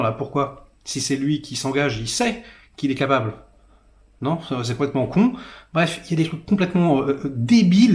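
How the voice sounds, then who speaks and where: A man's voice: a little high, reverberant. A man giving a casual, sarcastic and crude film review, full of fillers and slang. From France. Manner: vulgar, sarcastic, many fillers. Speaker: film critic. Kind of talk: casual rant-style movie review.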